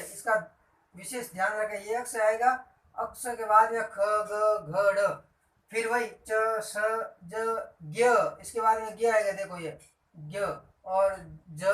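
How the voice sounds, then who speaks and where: A man's voice: high-pitched, a bit bright, distant mic. Male grammar teacher, repeats himself, asks the class questions, roomy echo, set back from the mic. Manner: repetitive, quizzing listeners with questions. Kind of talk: classroom-style grammar lesson. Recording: echoey room, voice off-mic.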